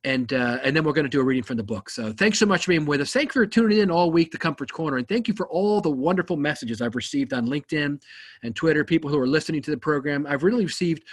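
Husky-voiced enthusiastic male podcast host. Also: on the high side, lively intonation, quick pace. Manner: enthusiastic, many ums and uhs. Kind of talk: casual podcast talk.

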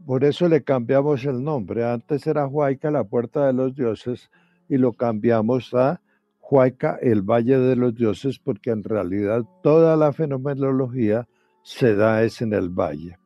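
A man explains things slowly as an interview guest. His voice sits at a medium pitch, in a dry, somewhat muffled recording with music underneath. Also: no room sound. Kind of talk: unhurried explanatory interview answers. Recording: dull, dry lo-fi audio. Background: background music.

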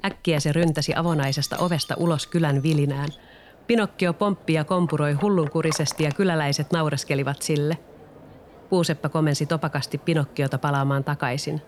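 A man narrating a children's story in an even storytelling manner. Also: a little high, slight background noise.

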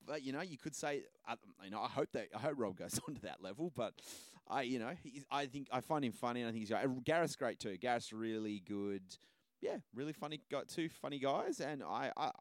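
A man's voice: mid-range voice, expressive, brisk, dry recording. A man hosting a podcast in a casual, rambling, self-deprecating way. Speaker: podcast host.

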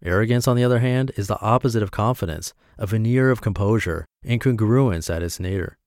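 A man from Montana, reading his reflective essays aloud in a measured, deliberate way. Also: on the low side, darkish tone, dry recording, clean studio sound. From Montana, USA.

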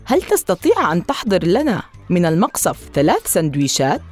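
A woman's voice: lowish voice, wildly swooping pitch, brisk, darkish tone, soft background music. A woman voicing a bossy schoolboy gang leader in a storybook, scornful and mocking.

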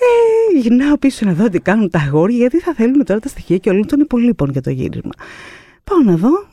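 A woman guest, a producer, telling an anecdote in a lively, expressive way with many fillers and pauses. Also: a little high, dry recording. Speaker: producer and artistic director, guest. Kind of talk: animated storytelling anecdote.

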